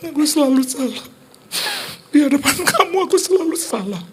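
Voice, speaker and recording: Give me a preacher putting on a high, whiny, tearful wife. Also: male voice, moderate pace, creaky, fairly bright tone, a little hiss or hum, heavily acted. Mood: hurt. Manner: whiny, pleading. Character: tired, tearful wife defending herself.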